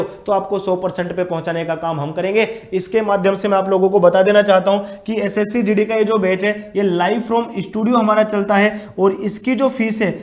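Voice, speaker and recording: A man teaching exam strategy in an energetic, repetitive way, often calling his viewers brothers and friends. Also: high-pitched, roomy sound. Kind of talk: exam strategy lesson with batch promotion.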